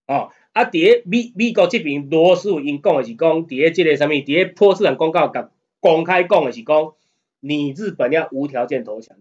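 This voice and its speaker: A man's voice: fairly high pitch, slightly rough, dull audio. A man with a Taiwanese accent giving a casual law lecture, often checking whether listeners follow and growing emphatic as he argues. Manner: conversational, often asks "you know what I mean?"; grows heated and emphatic when arguing. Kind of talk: casual lecture in Taiwanese Hokkien mixed with Mandarin.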